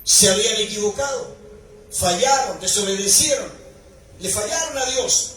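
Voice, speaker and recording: A male pastor preaching a sermon, building to shouted emphasis at key points. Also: high-pitched, expressive, moderate pace. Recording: echoey hall recording from far off, faint noise.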